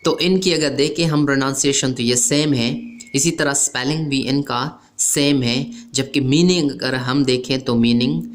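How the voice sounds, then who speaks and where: Male teacher, calm classroom explainer, methodical, checks in with "okay" after each step. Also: medium pitch, measured pace, hardly any pauses. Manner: methodical, repeats "okay" after nearly every point; mixes English terms into everyday speech. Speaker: English grammar teacher. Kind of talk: explaining a grammar lesson over written examples.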